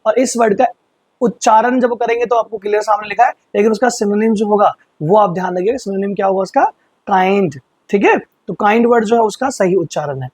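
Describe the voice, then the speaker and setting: A man teaching English vocabulary in Hindi, explaining patiently and slowly repeating words for pronunciation. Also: sits high, a little mellow, slightly rough, no echo. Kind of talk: vocabulary lesson.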